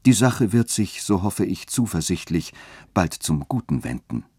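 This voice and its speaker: A man reading a story aloud and voicing a scheming, smooth-talking church dean who shifts between insistence and soft coaxing. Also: deep voice, big pitch swings, measured pace, dry recording, studio quality, full character voice. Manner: insistent, then softly coaxing. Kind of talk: literary reading.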